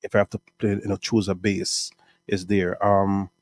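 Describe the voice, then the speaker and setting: A middle-aged man with a Guyanese accent answers interview questions in a relaxed, meandering way, punctuating thoughts with "right?" and "um." His voice sits on the low side and sounds dry and close to the mic. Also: unhurried, no echo. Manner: relaxed, rambling, frequent "right?" and "um". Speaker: music artist and producer.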